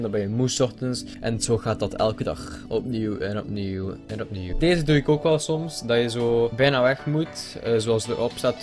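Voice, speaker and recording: A young man with a Flemish accent rattles through a casual comedic vlog, his voice sitting at an ordinary middle pitch. He rambles, restarts and drops swear words into nearly every sentence. Light music hums faintly behind him. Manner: excitable, rambling, swears constantly. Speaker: YouTuber.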